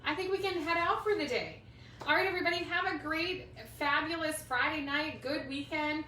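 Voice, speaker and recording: This middle-aged woman from Minnesota, United States, speaks at normal speed in a high, bright, forceful voice with a Minnesota accent. Hosting a craft livestream, she chats informally and rambles along. The audio comes from a roomy space at home, with a distant mic and faint background noise.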